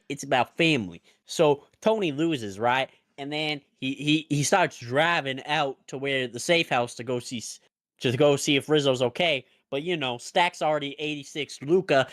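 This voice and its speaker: A man co-hosting a wrestling podcast, excitedly recapping events in casual, profane chat. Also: on the high side, moderate pace. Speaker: podcast co-host.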